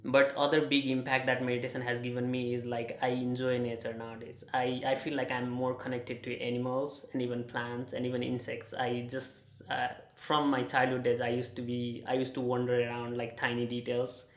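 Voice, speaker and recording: A young man from Nepal speaks in a personal testimonial with a Nepali accent, pausing often and restarting his sentences. His voice is gravelly and stays flat in pitch. The room around him adds a noticeable echo. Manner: halting, many fillers and restarts. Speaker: student sharing his experience.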